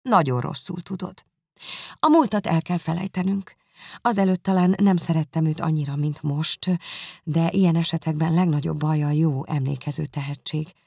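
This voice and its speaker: Audiobook role: witty, spirited young woman, lively and sincere, read by a woman. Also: low-pitched, vocal fry, husky, dry recording, studio quality, full character voice. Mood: earnest. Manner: earnest, lively, reassuring. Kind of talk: audiobook character voice.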